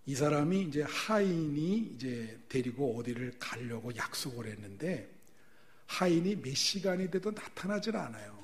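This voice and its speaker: A male pastor preaching a sermon, telling stories with lively rhetorical questions to the congregation. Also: mid-range voice, moderate pace.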